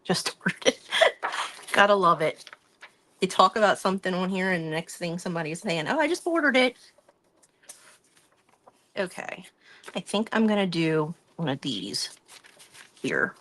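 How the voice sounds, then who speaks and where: A woman with a slightly low voice hosts a crafting live stream. She chats in a loose, rambling way as she works through each step. Her talk stays casual and hands-on throughout. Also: expressive, moderate pace, long pauses, fairly bright tone. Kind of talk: casual chat while crafting.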